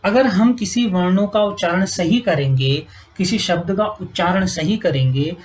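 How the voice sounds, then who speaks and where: A woman teaching a Hindi grammar lesson at a whiteboard. She often checks "ठीक है", asks the class questions and answers them herself, and spells out sounds slowly. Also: on the low side, darkish tone, low-quality recording.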